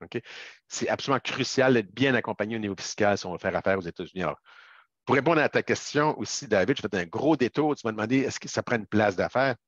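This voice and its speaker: A low-pitched man with a Québécois French accent gives a casual, chatty explanation in a webinar. He keeps turning to the audience with quick asides and tag words. The dull, lo-fi sound is dry and close, as over a video-call microphone. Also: animated, dry recording. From Quebec. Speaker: webinar presenter, business lawyer.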